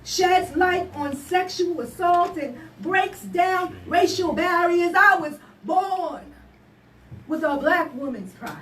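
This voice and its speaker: High-voiced woman performing spoken word. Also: a little hiss or hum. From Barbados. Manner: rhythmic, emphatic, rising to shouts. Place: live poetry night venue. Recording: echoey room from a distance.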